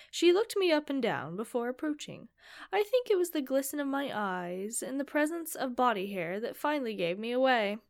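A woman voicing a boastful, confident male vampire, reading slowly and savoring each line, a little nasal from a cold. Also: high voice, heavily acted.

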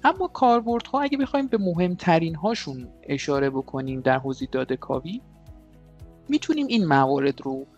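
A man's voice: fairly high pitch, sing-song. A man speaking as the guest expert on a podcast, explaining in a polite, formal way with frequent hesitations. Lo-fi recording with faint background music. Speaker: guest expert on data mining. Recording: dull lo-fi sound with faint music.

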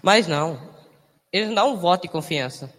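A young man with a high, slightly bright voice and lively intonation gives a casual testimony at church. He sounds emotional and halting, often starting his sentences over, while long reverb rings through the big hall.

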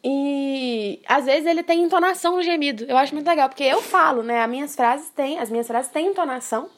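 A woman hosting a podcast, telling a story in a lively, emphatic way and laughing often. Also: high voice. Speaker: podcast host. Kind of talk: casual storytelling chat.

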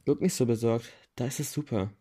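A man's voice: mid-range voice, fairly quick, dark tone, husky, close to an everyday voice. A man reading the lines of a blunt, cool teenage girl in a curt, dismissive way, close to his own voice.

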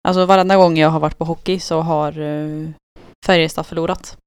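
A woman in casual podcast chat, talking in a tired, low-key, dry way. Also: fairly even intonation, clean tone, dry recording.

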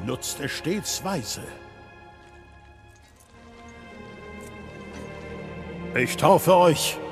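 Over music, a man with a slightly high voice performs as the grave, solemn head of a knightly order in a game drama. He delivers his lines as measured, ceremonial oration.

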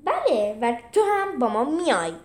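A woman plays a bossy young male animal hero who speaks bluntly and impatiently. His voice is high and lively, in an echoey room. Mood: firm.

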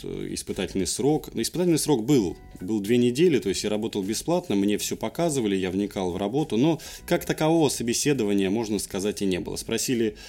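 A man's voice: fairly low pitch, a little mellow. A young man, a TV journalist, answering as an interview guest in casual conversational storytelling. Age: young adult.

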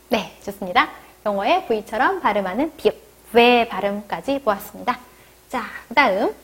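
A woman teaching a video lesson on pronunciation, explaining step by step and modelling each sound slowly. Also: on the high side, slightly rough. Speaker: language teacher.

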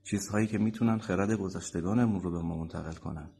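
A man's voice: low voice, creaky, dark tone, husky, full character voice. Man voicing a firm, assured company chief. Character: confident male company chief, about forty.

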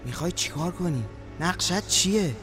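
A man's voice: sits high, animated, a bit bright. Anxious, scolding man over music acted. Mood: alarmed. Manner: worried, reproachful questioning. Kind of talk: dramatic audio drama acting.

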